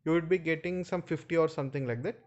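Male video host, Indian accent, slightly high voice, informal instructional delivery that repeats points for viewers. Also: fast, lo-fi sound. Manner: instructional, repetitive, addressing viewers often. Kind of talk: informal screen-share tutorial.

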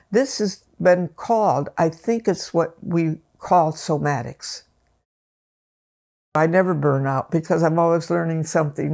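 A woman's voice: fairly low pitch, a little mellow. An elderly woman and dance teacher, reflectively telling stories in a sit-down interview at home and often restarting her sentences. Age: older. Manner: reflective storytelling with frequent restarts. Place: wood-panelled room at home, indoors. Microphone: close interview camera framing.

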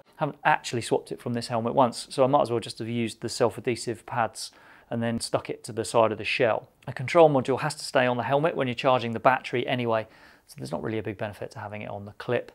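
In an indoor studio lined with shop display shelves, a middle-aged British man gives a scripted product review to camera. His mid-pitched voice carries a noticeable gravelly fry, and he keeps things conversational and matter-of-fact.

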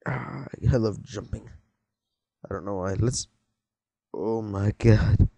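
Here a teen boy rambles through casual let's-play commentary in a lowish, warm voice with vocal fry, taking his time. He startles easily and kids around with the audience. The audio carries no room sound.

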